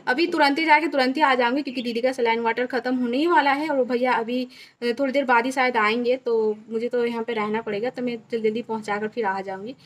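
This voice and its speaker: A woman's voice: fairly high pitch, fairly even intonation, fast talker. Chatty woman vlogger with a slight lisp. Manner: chatty, explaining to viewers. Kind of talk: casual home vlog chat.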